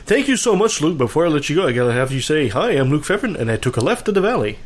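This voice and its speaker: Lively Canadian podcast host, man. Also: on the high side, rapid-fire. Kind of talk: casual chat and scripted rant.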